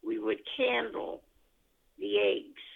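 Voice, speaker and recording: An older grandmother heard over a speakerphone line, talking slowly and haltingly as she searches for words. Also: a little high, sing-song, vocal fry, a little hiss or hum. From United States. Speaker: grandmother being interviewed. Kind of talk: family oral history interview. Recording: tinny phone line.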